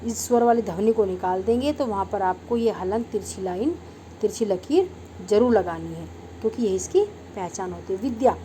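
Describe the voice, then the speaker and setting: A woman's voice: medium pitch, lively intonation, warm tone, a little hiss or hum. An Indian woman teaching a Sanskrit lesson to schoolchildren, calling them beta and patiently sounding out each syllable. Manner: patient, drawn-out syllable-by-syllable pronunciation; addresses pupils as "beta". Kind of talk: online class lecture.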